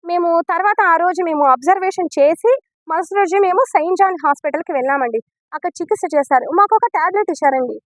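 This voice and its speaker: Upset woman, very high voice, talks fast, dry close sound, polite step by step telling. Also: dry recording. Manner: earnest and upset, polite "andi" endings, detailed step-by-step telling. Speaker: mother and school biology teacher. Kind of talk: statement to news reporters.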